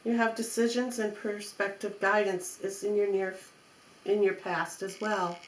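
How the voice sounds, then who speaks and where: Woman, mystical tarot horoscope reader, reassuring, repetitive phrasing, medium pitch, roomy echo, faint noise. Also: little pitch movement, a little slow. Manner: repeats phrases for emphasis, coaxing and reassuring. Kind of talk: mystical tarot horoscope reading, spoken off the cuff.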